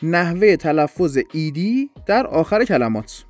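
A man's voice: a little high, sing-song, no room sound, soft background music. A man explaining pronunciation in a patient, step-by-step podcast lesson. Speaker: English teacher.

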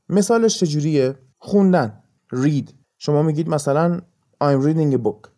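A man's voice: fairly high pitch, dark tone. A man hosting an educational podcast, patiently explaining things step by step with examples. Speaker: podcast host and English teacher.

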